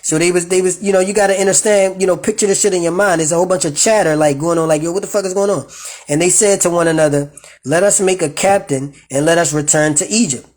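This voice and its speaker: A man reading scripture and retelling it in profane, animated slang. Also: high-pitched, fast. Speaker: bible study teacher. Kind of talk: casual bible reading with commentary.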